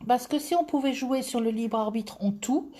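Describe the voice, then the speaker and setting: A woman's voice: fairly high pitch, normal speed, warm tone. A woman with an Alsatian accent hosting a live stream as a clairvoyant, talking casually and breaking off to greet viewers by name. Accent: Alsatian French. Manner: chatty, digressive, greets viewers by name mid-sentence. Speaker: clairvoyant livestream host.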